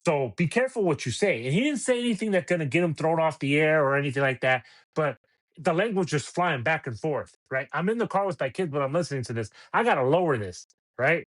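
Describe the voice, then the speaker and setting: A man's voice: on the high side, expressive, fast. A middle-aged man hosting a podcast, ranting about sports radio with exasperated rhetorical questions. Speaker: podcast host. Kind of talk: opinionated sports rant.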